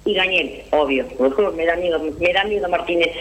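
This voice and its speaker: A middle-aged woman with an Argentine accent calling in to a radio show, chatty, loud and laughing. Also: on the low side, moderate pace, rough recording. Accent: Argentine Spanish. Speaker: radio caller.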